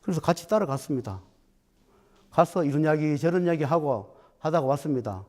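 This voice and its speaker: A man's voice: fairly high pitch, expressive, a little fast, a little mellow. A man, a Buddhist dharma teacher, telling stories in a talk and acting out the quoted dialogue. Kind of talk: storytelling talk.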